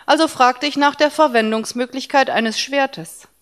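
A woman reads a first-person story aloud, narrating calmly and evenly. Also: high voice, moderate pace.

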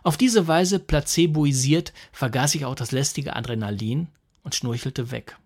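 A man's voice: mid-range voice, moderate pace, breathy edge. A man reading a humorous first-person story aloud in a dry, wry manner. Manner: dry, wry comic narration. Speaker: narrator.

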